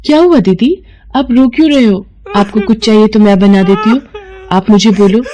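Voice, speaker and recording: A woman voicing a gentle, eager young daughter-in-law in a cartoon, speaking in a soft, polite way. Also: medium pitch, moderate pace, lightly acted. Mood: caring. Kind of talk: cartoon voice acting.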